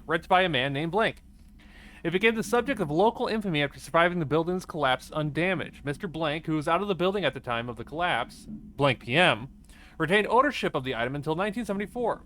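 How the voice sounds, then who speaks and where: Bright-voiced male streamer reading game files. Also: fairly high pitch, a little hiss or hum. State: out of breath. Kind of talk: live game stream, reading documents aloud.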